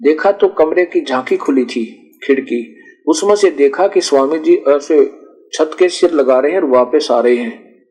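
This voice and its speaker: A man's voice: fairly high pitch, moderate pace, darkish tone, low-quality recording. A man preaching in a conversational storytelling way, acting out dialogues and often correcting himself mid-word. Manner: rustic, conversational, recounts dialogues with self-corrections. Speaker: spiritual preacher. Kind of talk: storytelling sermon.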